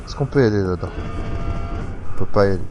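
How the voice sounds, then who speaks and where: A man's voice: on the low side, fast talker, background noise. A man giving casual let's play commentary, chatty, laughing often and swearing freely. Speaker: gamer.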